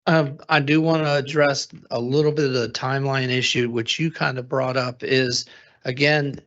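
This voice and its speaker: A man's voice: mid-range voice, fairly even intonation, normal speed, a bit bright. A man chairing a faculty committee, speaking plainly at a meeting in an auditorium. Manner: plain, procedural, with fillers. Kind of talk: meeting remarks. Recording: dull lo-fi meeting recording.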